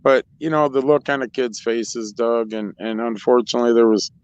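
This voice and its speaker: A man's voice: mid-range voice, normal speed, clean tone, dry recording. A man co-hosting a racetrack show in casual chat, rambling through restarts and laughing often. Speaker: racetrack co-host. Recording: dull lo-fi sound.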